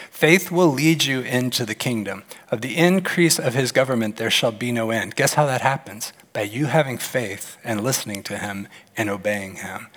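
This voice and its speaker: Animated male pastor in reverberant hall. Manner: animated, acts out quoted voices with big pitch jumps. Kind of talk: sermon.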